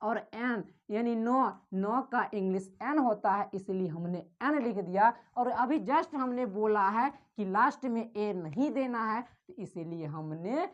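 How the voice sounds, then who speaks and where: A woman's voice: mid-range voice, expressive, a little slow, few pauses, dull audio. A woman teacher explains spelling step by step, calls the viewer "sir" and repeats each sound over and over. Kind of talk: slow classroom explanation, repeating drills.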